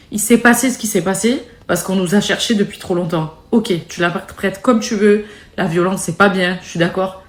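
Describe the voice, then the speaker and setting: A young woman vlogging to her followers, exhausted and emotional, pleading in exasperation. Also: medium pitch. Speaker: social media personality.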